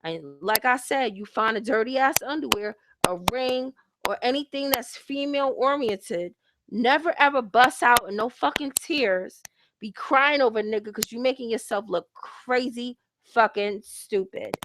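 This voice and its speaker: A woman's voice: fairly high pitch, normal speed. Blunt, profane woman host over hiss. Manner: blunt, profane, heavy use of slang; lectures listeners directly. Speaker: host reviewing a reality show. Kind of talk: casual ranting commentary. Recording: hissy home recording.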